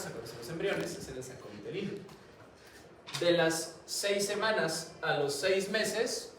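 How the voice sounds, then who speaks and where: A man giving a classroom lecture, chatty and always asking the students questions. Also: fairly high pitch. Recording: echoey classroom, mic far off, noisy.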